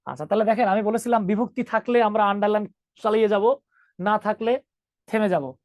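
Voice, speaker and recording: A man's voice: high voice, fairly even intonation, brisk, darkish tone, no echo. A man teaching an online English grammar class, joking with students and calling them 'baba'.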